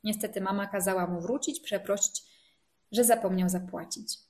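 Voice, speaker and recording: A woman's voice: medium pitch, steady tone, moderate pace, darkish tone. Woman reading a children's story. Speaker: narrator.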